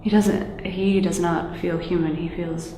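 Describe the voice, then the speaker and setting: A woman playing an uneasy psychic who senses spirits, speaking haltingly in found-footage horror film style. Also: fairly low pitch, steady tone, dark tone, lightly acted. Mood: uneasy, haunted. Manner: halting, trailing pauses. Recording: roomy echo, music behind.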